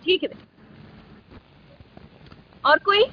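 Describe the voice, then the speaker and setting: A woman lecturer giving a virtual class and patiently taking students' questions. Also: takes it slowly. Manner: patient, calls students "beta". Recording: dull lo-fi recording with faint hiss.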